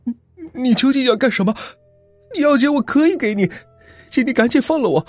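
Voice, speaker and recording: A frightened young man, as a male storyteller puts him on, pleads in a strained, raised voice. His voice is husky and jumps around in pitch, with faint music behind it. Every line sounds panicky. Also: expressive, rapid-fire, dark tone, no echo. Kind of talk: storytelling character voice.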